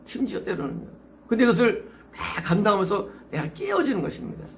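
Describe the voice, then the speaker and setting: Korean-accented male pastor, middle-aged, gravelly high voice, emphatic sermon delivery. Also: huge pitch swings, quick pace, a little hiss or hum. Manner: emphatic, exhorting with rhetorical questions.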